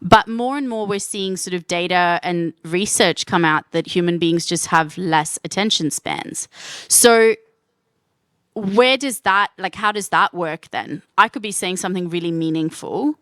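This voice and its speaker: With a lowish, slightly bright voice and a measured pace, a woman hosts a live convention panel from the stage. She introduces guests and asks questions enthusiastically, and the sound carries no echo.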